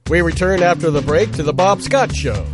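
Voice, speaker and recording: A man playing a smooth radio host, announcing the return of a talk show. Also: high voice, lively intonation, a little fast. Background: loud music.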